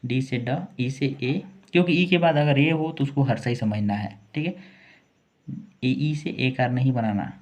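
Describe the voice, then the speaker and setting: A man teaching English spelling and pronunciation, spelling out letters one by one and repeating each word slowly. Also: mid-range voice. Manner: slow, repeats words, spells letters aloud. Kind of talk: spoken spelling lesson.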